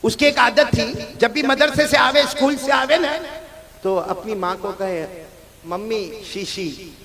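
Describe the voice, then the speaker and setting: A man's voice: very high voice, big-room sound, faint music behind. A man preacher, telling a story and rousing a large gathering into call-and-response. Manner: animated, rousing the crowd to chant back. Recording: live crowd sounds.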